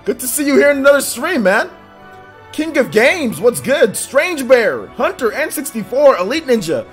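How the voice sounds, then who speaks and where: Very animated, a high-voiced man hosts a relaxed livestream, rattling off viewer names in fast, upbeat shout-outs and laughing frequently. A slight stuffiness lingers in his nose from a recent illness, with faint music beneath him.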